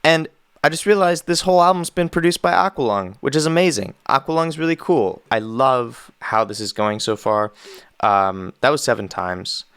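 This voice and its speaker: A man's voice: mid-range voice, normal speed, fairly bright tone, clean tone, no echo. A Canadian man, a musician, giving enthusiastic, rambling casual commentary as he reacts to an album.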